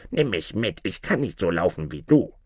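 A man voicing a pleading male frog in a well, in a slow, coaxing, croaky way, reading a fairy tale. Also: low-pitched, sing-song, no echo, clean studio sound, exaggerated voice. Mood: calling.

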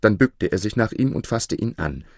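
Deep-voiced man reading a fairy tale. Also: vocal fry, no echo, studio quality. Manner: calm, measured storytelling. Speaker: narrator. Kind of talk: storybook reading.

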